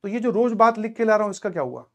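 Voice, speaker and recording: A man's voice: high voice, lively intonation, racing, a bit bright. A young adult man, a teacher giving a motivational talk to his students in a conversational way, often checking that they have understood.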